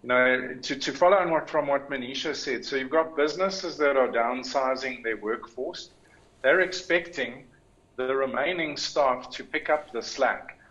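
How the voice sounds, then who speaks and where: A man, speaking from an office as an insurance expert, relaxed and conversational. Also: mid-range voice, moderate pace. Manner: relaxed, conversational, repeats words when restarting. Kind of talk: panel interview answers. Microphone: video call. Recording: slightly muffled video call audio.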